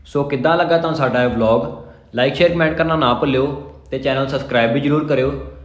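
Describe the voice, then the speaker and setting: A man's voice: mid-range voice, steady tone, fast. A man with a Punjabi accent delivering a rehearsed vlog sign-off. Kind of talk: rapid scripted vlog outro. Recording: dull, echoey recording.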